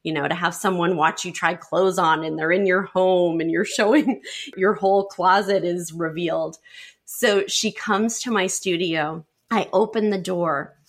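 A woman working as a wardrobe stylist, guesting on an interview and telling a client story, acting out what people said in lively, shifting voices. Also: fairly low pitch, a little slow. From lives in Sarasota, Florida. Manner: lively storyteller who acts out quoted speech.

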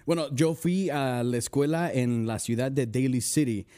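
A young man from the San Francisco Bay Area, a guest chatting casually from home, relaxed and full of fillers and restarts. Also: mid-range voice, unhurried. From San Francisco Bay Area, USA. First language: Spanish. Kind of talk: casual interview chat.

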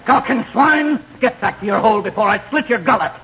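An actor playing a snarling, bullying pirate captain in a 1940s radio comedy. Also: male voice, very high voice, animated, a little fast. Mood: threatening. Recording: muffled, noisy 1940s radio recording.

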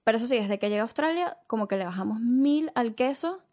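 A Venezuelan woman in her twenties, a podcast guest chatting casually and telling lively stories from her childhood. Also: fairly high pitch, quick pace. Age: 20s. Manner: lively storytelling, acting out family members' lines. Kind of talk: casual chat.

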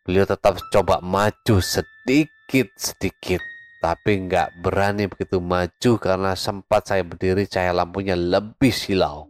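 A man's voice: low-pitched, fairly even intonation, normal speed. A man narrating a ghost story casually, talking straight to his listeners. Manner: chatty, addresses listeners directly. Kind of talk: casual horror podcast storytelling.

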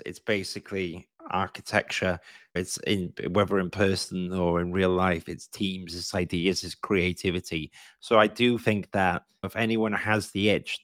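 A man's voice: deep voice, a bit bright, dry recording. A man with a Welsh accent hosting a live-stream interview, upbeat and chatty as he wraps up and thanks his guest. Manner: upbeat, spells out web addresses slowly. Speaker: host.

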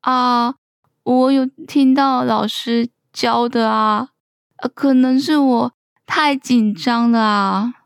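A timid little crocodile schoolboy in a storybook, voiced by a woman. He speaks slowly and hesitantly, drawing out soft ah sounds in a somewhat high voice. The sound is close and dry. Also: fairly even intonation, vocal fry, no room sound. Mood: shy. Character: shy gentle young male crocodile pupil.

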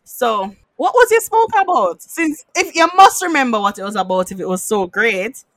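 A woman's voice: on the high side, lively intonation, normal speed, fairly bright tone, no room sound. A woman hosting an interview, asking curious questions and laughing along with her guest. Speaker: host.

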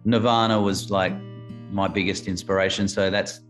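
Reflective Australian man, lowish voice. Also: fairly even intonation, moderate pace, soft background music. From Adelaide, South Australia. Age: late 30s. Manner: reflective, rambling, with many restarts. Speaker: musician guest. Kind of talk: casual interview chat.

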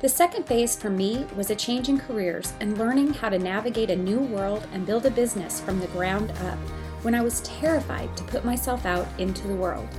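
With music playing in the background, a podcast host reads her guest's introduction and then slips into an eager, casual conversation with them. She has a medium-pitched voice, talks a little fast, and sounds upbeat throughout.

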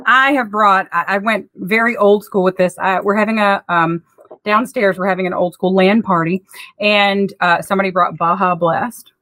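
A woman's voice: medium pitch, steady tone, moderate pace, sharp tone, no room sound. A woman guest author in a casual interview, talking hesitantly with many fillers. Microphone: remote call.

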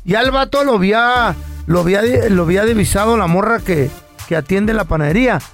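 Man, high voice, rambling slangy storyteller, music in the background. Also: fairly quick, a bit bright. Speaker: radio show co-host. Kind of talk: joking banter.

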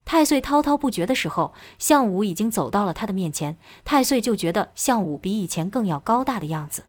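A woman's voice: mid-range voice, expressive, fairly quick, dry recording, clean studio sound. Woman narrating an action novel. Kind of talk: audiobook narration.

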